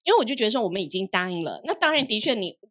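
A woman's voice: medium pitch, very animated, racing, a bit bright, dry recording, studio quality. A woman, co-hosting a casual podcast chat and telling stories that act out quoted voices. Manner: storytelling, acts out quoted voices. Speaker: podcast co-host.

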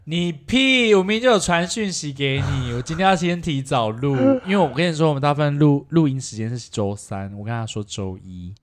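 A man's voice: on the high side, expressive, a little fast, hardly any pauses. A man with a Taiwanese Mandarin accent hosting a casual podcast chat, chatty and teasing with blunt swearing. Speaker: podcast host. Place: studio room with echo.

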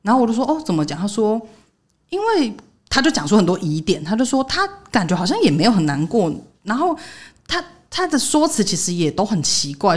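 A young woman, co-hosting a podcast and telling a workplace story in casual chat. She acts out what others said, jumping up in pitch for the quotes. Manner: animated retelling, voicing others' quotes with jumps in pitch. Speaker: podcast co-host.

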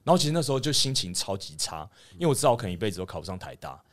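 A man's voice: lowish voice, sing-song, rapid-fire. A young man with a Taiwanese Mandarin accent, a podcast co-host telling a long story in casual chat, rambling and sheepish, with many restarts.

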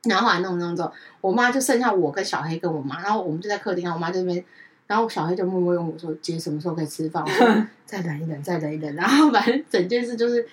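Lady chatting fast, doing everyone's voices in her story. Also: recorded from a distance. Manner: animated, acts out family members' lines with big pitch jumps. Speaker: podcast co-host. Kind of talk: casual storytelling chat.

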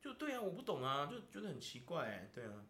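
A man's voice: fairly high pitch, huge pitch swings, fast talker, pushed and bright. A man with a Taiwanese Mandarin accent, hosting a podcast and venting in casual chat, constantly asking "you know?". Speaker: podcast host. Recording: roomy echo.

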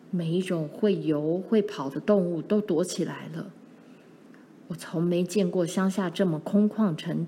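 Pioneer father, grown man, measured and lower-pitched, read by a woman. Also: darkish tone, a little hiss or hum, close to an everyday voice.

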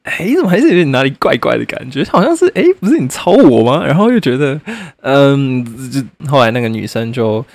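A young man, hosting a podcast and telling a story in a blunt, animated way, swearing and laughing often. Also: medium pitch, brisk, dry recording. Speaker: podcast host. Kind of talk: casual storytelling monologue.

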